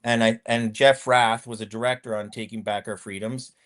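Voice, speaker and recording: A man's voice: on the low side, flat delivery, moderate pace, a bit bright. A man in his fifties, a former convoy accountant, telling his story in a casual interview, rambling with many restarts and fillers.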